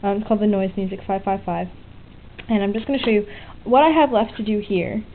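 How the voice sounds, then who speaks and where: Over thin, phone-like audio with faint noise, a woman of ordinary pitch talks fairly quickly and steadily through an improvised electronics tutorial. She explains informally and frankly as she works, and the whole thing sounds like a homemade hobby recording.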